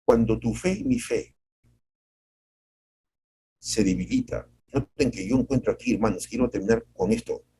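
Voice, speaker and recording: A male pastor preaching an emphatic sermon on a video call, with dramatic pauses and sudden jumps in pitch. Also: very animated, vocal fry, mellow, husky.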